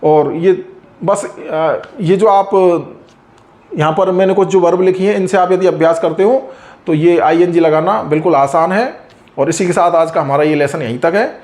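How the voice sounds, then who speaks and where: A man teaching an English grammar lesson, patiently explaining rules and slowly repeating example words. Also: high-pitched, darkish tone.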